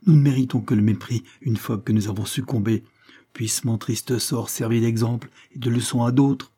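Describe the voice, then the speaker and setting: A man's voice: mid-range voice, fairly even intonation, normal speed, husky. A man voicing a jilted young noblewoman, speaking in an impassioned, reproachful way. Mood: despairing. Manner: impassioned, reproachful delivery, louder than the narration. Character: jilted young English noblewoman, bitter and proud.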